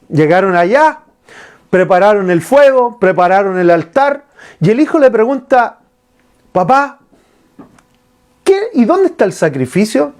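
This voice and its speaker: A man preaching a sermon as pastor, asking his listeners questions and retelling scripture. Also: high voice. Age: adult father. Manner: lively preaching with rhetorical questions to the congregation.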